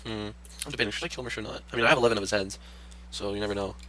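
Bright-voiced man, slightly sick, gaming commentary. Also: on the low side, racing. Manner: rambling, talks to himself while playing. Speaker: gaming channel host. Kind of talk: casual gameplay commentary.

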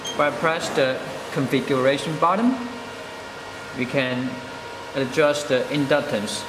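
A man explaining the settings of a welding machine in a measured, step-by-step voice-over, stressing key words. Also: medium pitch, reverberant, in a large hall, background noise. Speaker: product demonstrator. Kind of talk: product demonstration voice-over.

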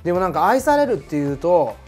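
A man's voice: sits high, big pitch swings, quick pace, a little mellow, soft background music. A man hosting a casual chat, telling a rambling story with laughs and fillers. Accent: Japanese. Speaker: host.

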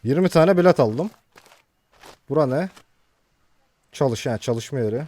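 A young man commentating casually on a video game he plays, excitable and joking with his viewers. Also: medium pitch, a little slow, slight background noise. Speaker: gaming youtuber. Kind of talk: casual let's-play commentary.

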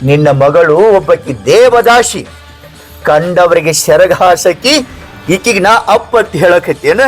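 A man's voice: high voice, unhurried, soft background music. A man playing a proud village landlord in a skit, speaking in commanding tones with a North Karnataka Kannada accent. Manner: commanding, scolding. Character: rich proud village landlord, later remorseful. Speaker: lead actor.

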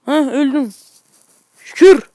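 A man giving casual, excitable commentary on a mobile game, grumbling at the game and chatting to his viewers. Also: very high-pitched, takes it slowly, no echo, clean studio sound. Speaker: gaming YouTuber.

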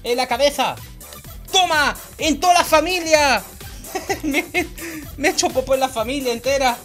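High, excitable Spanish woman gamer. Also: normal speed, faint music behind. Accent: Spain Spanish. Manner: excitable, shouting and laughing often. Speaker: gaming youtuber. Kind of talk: excited gameplay commentary.

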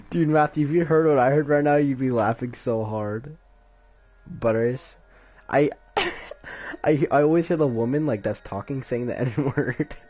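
A man giving casual gameplay commentary, excitable and giggly, often exclaiming at the screen. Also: mid-range voice, a little slow, slightly rough. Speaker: gamer streaming gameplay. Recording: dull lo-fi mic with game music.

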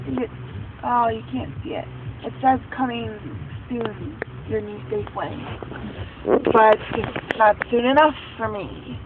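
A young woman chatting casually to her phone camera while driving, rambling with lots of ums and likes. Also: fairly high pitch. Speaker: vlogger. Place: inside a car. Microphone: phone held at arm's length. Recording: tinny phone audio with loud road noise. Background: car and traffic noise.

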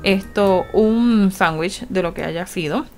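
A woman's voice: mid-range voice, slow pace, darkish tone, faint music behind. A woman with a Puerto Rican Spanish accent giving casual, chatty gameplay commentary, laughing often and voicing her game characters. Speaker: gaming YouTuber.

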